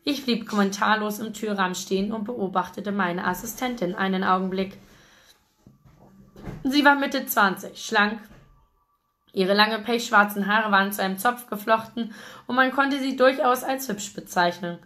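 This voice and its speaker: Expressive woman reading an audiobook. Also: medium pitch, normal speed. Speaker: audiobook reader.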